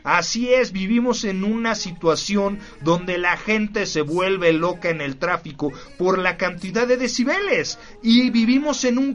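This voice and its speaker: A man's voice: high voice, fairly bright tone, dull audio. Mexican man giving motivational advice. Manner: speaks directly to the listener, emphatic repetition. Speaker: podcast host. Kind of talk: motivational self-help talk. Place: studio recording.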